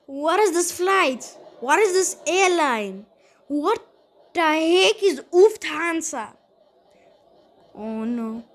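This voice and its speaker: A woman's voice: extremely high pitch, expressive, takes it slowly, long pauses. A woman giving casual, rambling gameplay commentary, exasperated and talking straight to her viewers. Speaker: gaming channel host.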